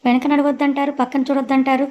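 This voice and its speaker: A woman's voice: high voice, flat delivery, quick pace, a little mellow, natural voice. A woman voicing a playful young man who teases his boss in an audiobook story. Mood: teasing. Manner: cheeky and teasing.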